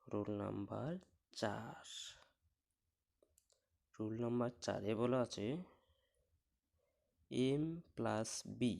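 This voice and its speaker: A man gives a slow, step-by-step lesson on English pronunciation rules, spelling words letter by letter and patiently answering his own questions. His voice is on the low side, gravelly, and a little mellow.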